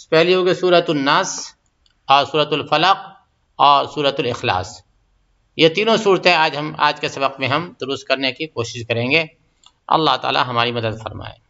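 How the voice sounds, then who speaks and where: A man teaching a tajweed lesson, explaining each sound and repeating words slowly to correct pronunciation. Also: on the high side, pushed and bright. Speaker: Quran recitation teacher. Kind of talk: tajweed lesson with recitation examples. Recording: muffled lo-fi audio.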